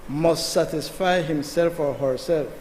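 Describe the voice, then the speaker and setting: A man's voice: on the high side, a little slow, darkish tone. A man giving an emphatic, combative speech as a senator in a parliamentary debate, addressing the chair. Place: legislative chamber. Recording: echoey chamber with long reverb, faint noise.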